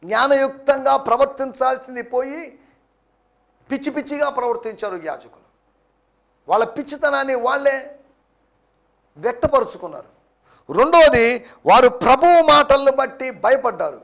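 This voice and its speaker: Man, pastor, emphatic sermon, very high pitch, gravelly. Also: expressive, normal speed, pauses often, fairly bright tone. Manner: preaching with English phrases mixed in, emphatic.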